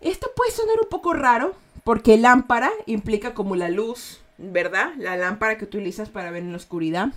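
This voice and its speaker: A woman's voice: a little high, animated, a little fast, few pauses. Chatty Ecuadorian woman teaching slang. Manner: chatty, checks in with "¿ya?" often. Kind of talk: casual slang lesson.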